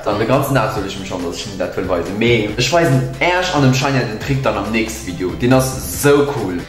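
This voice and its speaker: A man's voice: lowish voice, lively intonation, brisk. A young adult man with a Luxembourgish accent, co-hosting a video and casually presenting facts and tricks. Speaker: video co-host. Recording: echoey room with music behind. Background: music.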